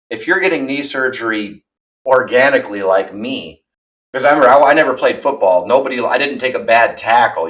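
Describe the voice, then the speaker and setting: A man's voice: medium pitch, a bit bright. A man in his thirties chatting casually on a livestream, rambling and candid, poking fun at himself. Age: 30s. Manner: rambling, candid and self-deprecating. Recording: voice from far off the mic.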